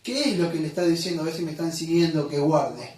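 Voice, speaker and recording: A man's voice: on the high side, animated, quick pace, darkish tone. A man preaching a sermon as pastor, talking conversationally, correcting himself and quizzing the congregation. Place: church hall. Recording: echoey room, mic at a distance.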